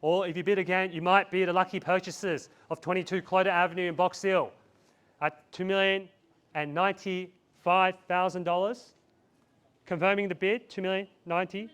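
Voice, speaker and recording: High-pitched, clear-voiced male auctioneer. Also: fairly even intonation, normal speed, a bit bright. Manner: repetitive chanting of bid figures, urging buyers on. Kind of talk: live property auction calling. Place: outdoors in a residential street.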